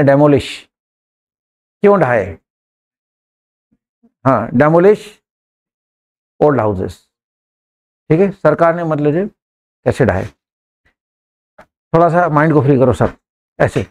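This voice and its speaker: Slow-paced man teaching English. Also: on the high side. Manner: coaxing students, repeating sentences slowly word by word. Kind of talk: live online class teaching English grammar.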